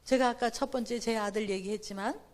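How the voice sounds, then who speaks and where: Speaking fairly quickly in a slightly high, steady voice, a middle-aged woman leads a church seminar on parenting and family, drawing on personal stories. Her delivery alternates between quiet asides and forceful outbursts, and she performs dialogue and has listeners echo her phrases.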